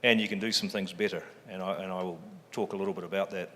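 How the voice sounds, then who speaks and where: At a public forum in a large event hall, a fund chief executive with a New Zealand accent jokes and pokes fun at himself on a panel, saying "um" a lot. His voice sits low with a steady tone, pushed and bright, and he talks fast; long hall reverb and a little hiss or hum color the recording.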